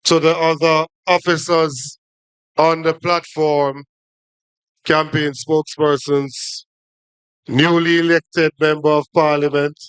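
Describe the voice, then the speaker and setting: A man with a Jamaican accent giving a formal political speech to supporters as a party official, in short deliberate phrases. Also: a little high, little pitch movement, a bit bright, clean tone, no room sound, rough recording.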